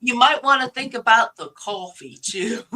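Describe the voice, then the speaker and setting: A woman's voice: a little high, animated, slow, crowd noise, poor audio. A woman chatting casually, opinionated and joking, laughing often. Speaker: chat show participant. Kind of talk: casual chat.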